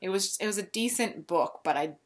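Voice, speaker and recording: A woman's voice: mid-range voice, animated, fairly quick. A woman co-hosting a podcast, chatting casually and explaining things in an informal way. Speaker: podcast co-host. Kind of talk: casual podcast chat about books and films.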